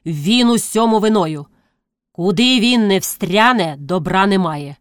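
A woman voicing a drunk, quarrelsome male host who shouts slurred accusations, in a dry storybook reading. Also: medium pitch, lively intonation, unhurried, no echo, close to an everyday voice. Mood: drunken fury.

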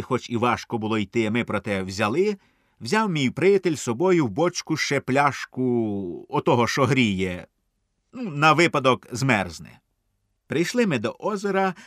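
A man's voice: mid-range voice, dry recording, studio quality. A man reading a humorous story aloud in a wry, storytelling manner. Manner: lively, wry comic storytelling.

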